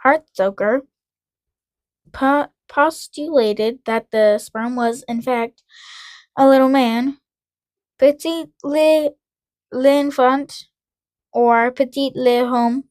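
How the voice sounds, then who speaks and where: A woman's voice: high-pitched, slow, pauses often, a little mellow, dry recording. A woman co-hosting a casual podcast, reading notes aloud, tripping over names and adding wry asides. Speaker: podcast co-host.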